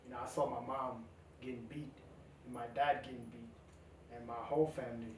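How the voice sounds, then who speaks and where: A young man from South Sudan, a musician being interviewed, talking casually with many pauses and fillers. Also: medium pitch, slight background noise. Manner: relaxed, halting with many fillers. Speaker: musician guest. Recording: echoey room, from far off.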